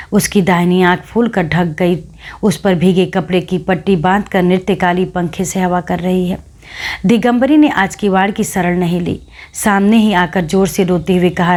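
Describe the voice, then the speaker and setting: Low-voiced woman reading a story aloud. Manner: changes pitch and loudness for each character's quoted lines.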